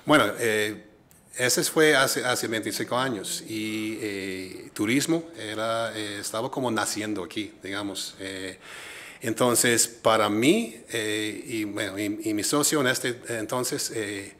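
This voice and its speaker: This Minnesota entrepreneur, middle-aged and American-accented, is a guest answering interview questions in Spanish, his second language, with lots of fillers and hesitation. His voice sits fairly low, slightly bright, and he talks slowly.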